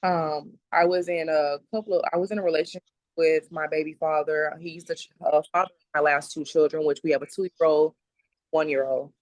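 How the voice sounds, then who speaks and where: A woman from South Dallas, answering interview questions in a soft-spoken, plain, halting way. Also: low voice, steady tone, no echo. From South Dallas, Texas. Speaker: interviewee, mother. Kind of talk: personal interview.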